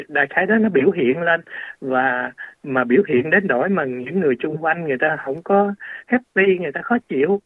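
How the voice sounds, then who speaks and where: On a radio interview, a doctor guest with a voice on the high side and no echo explains things haltingly, restarting often and leaning on fillers. The line has a tinny, telephone-like quality.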